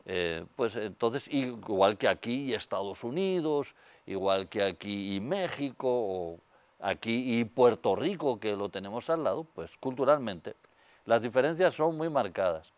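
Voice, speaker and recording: A man's voice: mid-range voice, animated, a little slow, no room sound. An older man with a Spanish accent from Spain, a guest telling stories in a studio interview, on a lapel mic. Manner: storytelling, gestures with hands, many fillers. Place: TV studio set.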